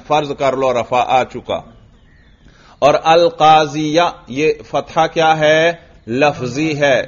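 A man teaching an Arabic grammar lesson, asking his students questions, answering them himself, and drawing out the example words slowly. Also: fairly high pitch. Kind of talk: classroom lesson. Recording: dull lo-fi recording.

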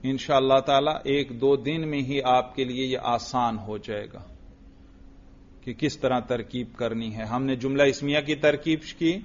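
A male teacher drilling a student on grammar, asking short questions, repeating the answers and praising briskly. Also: mid-range voice, steady tone. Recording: muffled lo-fi recording.

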